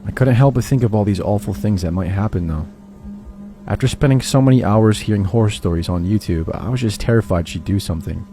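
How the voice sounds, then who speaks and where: A man giving a steady, scripted first-person narration of a true horror story. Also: on the low side, a little fast, over music.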